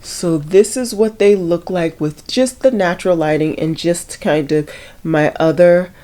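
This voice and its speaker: A woman's voice: lowish voice, measured pace, warm tone. A young woman, a beauty vlogger, chatting casually through a swatching video, her voice nasal from a cold and her talk rambling with fillers.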